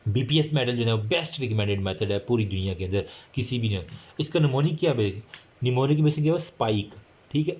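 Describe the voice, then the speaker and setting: A man giving a casual recorded lecture, reading English points slowly and explaining them in chatty Hindi-with many fillers. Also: mid-range voice, animated, a little mellow.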